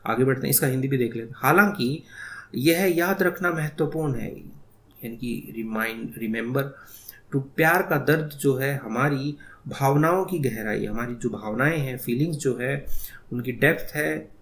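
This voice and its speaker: A man teaching English, explaining the text line by line and reading English words out slowly. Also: medium pitch, a bit bright. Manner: slow, repetitive explaining, reads English words out one by one.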